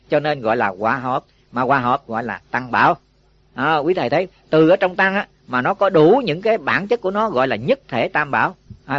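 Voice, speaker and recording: A man's voice: fairly high pitch, a bit bright, dry recording. A man, a Buddhist monk teacher giving a folksy dharma talk to monks, often asking them questions. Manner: folksy, asks listeners questions. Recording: dull lo-fi recording.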